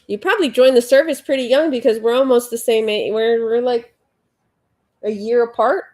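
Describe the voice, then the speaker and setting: Slightly high-pitched and darkish in tone, her voice holds a fairly even intonation at normal speed. She's in her forties, stuffed up and sniffling, chatting loosely on a home livestream while going through viewer comments and filling gaps with frequent fillers.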